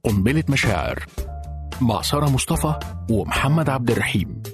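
A man's voice: mid-range voice, sing-song, a little fast. A man reading a dramatic radio station promo as its announcer. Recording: clear music bed behind. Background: music.

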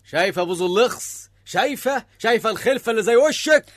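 A blustering middle-aged Egyptian village mayor, gruff and bossy, scolding fast. His voice sits high for a man, and the sound is dry and close. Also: expressive, a bit bright, no room sound.

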